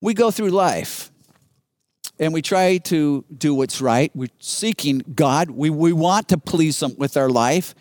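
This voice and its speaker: High-voiced emphatic male preacher. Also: lively intonation, slow, a little mellow, no room sound. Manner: emphatic, repeats phrases, storytelling. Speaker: pastor. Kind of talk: sermon.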